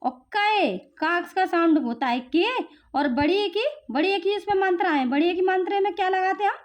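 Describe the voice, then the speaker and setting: A high-voiced Indian woman tutor gives parents a phonics lesson at home. She drills slowly and patiently, repeating her questions again and again.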